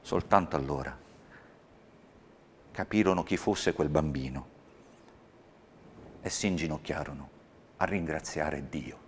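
A man reading a Christmas fairy tale aloud in a measured, expressive storytelling manner. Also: very deep voice, a little hiss or hum.

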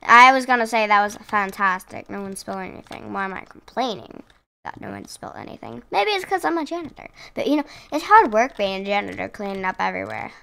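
A woman's voice: medium pitch, expressive, fast, creaky, bright, forceful tone, clean tone. A woman chatting casually through a game at home, rambling and laughing at herself, talking into her own microphone. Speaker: gaming video host. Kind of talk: casual let's-play commentary. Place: room at home with her cat. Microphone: own desk microphone.

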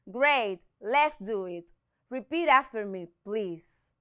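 On a TV lesson for schoolchildren, a woman in her thirties from the Dominican Republic teaches English with a Dominican Spanish accent. Her voice sits on the high side with lively intonation and a slightly bright quality, and she slowly models sentences in both languages so the kids can repeat the words.

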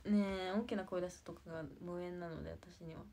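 A teenage girl with a soft, quiet voice, chatting casually on a livestream, rambling with many fillers and giggles. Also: lowish voice, steady tone, a little fast, a little hiss or hum. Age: teens. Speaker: idol livestreamer.

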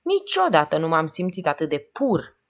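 A woman's voice: low-pitched, wildly swooping pitch, lo-fi sound, full character voice. Woman doing a folksy, emotional man. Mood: earnest.

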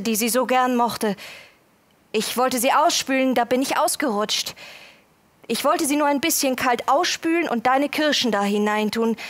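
A gentle, embarrassed father talks softly and soothingly to his son, as a woman reading aloud plays him. He speaks slowly and apologetically. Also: on the high side, close to an everyday voice.

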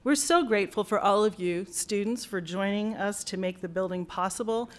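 A woman's voice: mid-range voice, moderate pace. A woman speaking as a college leader at a building dedication in a university auditorium, earnest and grateful, with frequent fillers and restarts. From United States. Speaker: college dean giving a dedication speech. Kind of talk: formal ceremony speech.

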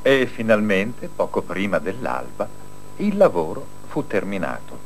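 A man narrating a children's cartoon tale as an expressive storyteller. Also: on the low side, measured pace, over music. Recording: old noisy film soundtrack.

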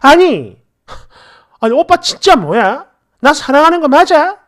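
Guy doing a shrill angry tearful girlfriend, yelling high and jumpy. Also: sing-song, measured pace, heavily acted. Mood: furious. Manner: shrill, shouting. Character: furious young woman, tearful girlfriend.

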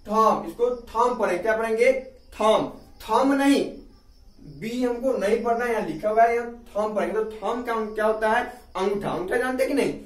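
High-voiced Indian man teaching, echoey. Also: brisk, recorded from a distance. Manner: repeats questions and answers them himself. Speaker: English teacher. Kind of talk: video lesson. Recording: echoey room, off-mic.

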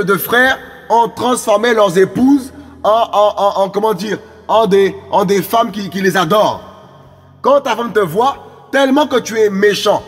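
A man's voice: sits high, slightly rough, in a large hall. A male preacher delivering a fervent sermon, repeating phrases and stumbling over fillers as he exhorts. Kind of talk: evangelistic sermon.

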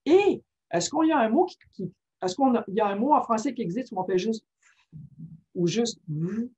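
A woman with a high-pitched voice speaks quickly in an informal teaching talk, presenting a workshop on reading disorders. Lively and casual, she constantly checks in with her listeners by asking "ok?" The lo-fi recording is muffled, with slight background noise.

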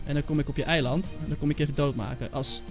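A young man giving casual, rambling commentary on his own gameplay as a gaming channel host, and he gets excitable and shouts at rivals. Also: fairly high pitch, very fast, over music. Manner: excitable, shouts and yells when angry at hackers; casual, rambling, with many fillers. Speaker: gaming YouTuber. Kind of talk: live Minecraft gameplay commentary.

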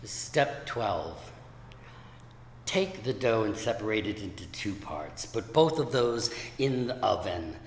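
A man's voice: on the low side, lively intonation, slow, a little hiss or hum. A middle-aged man performing spoken word poetry in a wry, playful manner. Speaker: poet. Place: community room, indoors. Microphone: stand mic. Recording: echoey room with long reverb.

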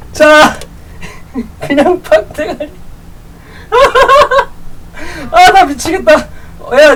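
A woman streaming a game live, teasing other players in loud banter and laughing often; her voice sits a little off-mic. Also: sits high, far from the mic, a little hiss or hum, poor audio. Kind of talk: live gameplay chat with viewers.

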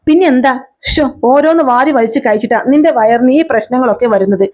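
A woman reads out a scheming mother-in-law scolding her family. The voice is high and the reading plain. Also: fairly quick, a little mellow.

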